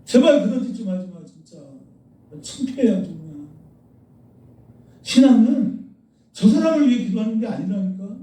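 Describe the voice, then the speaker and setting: A man's voice: sits high, animated, moderate pace, pauses often, warm tone. A man preaching a sermon as pastor, blunt and scolding, firing rhetorical questions at the congregation. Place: church sanctuary. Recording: echoey church hall, mic at a distance.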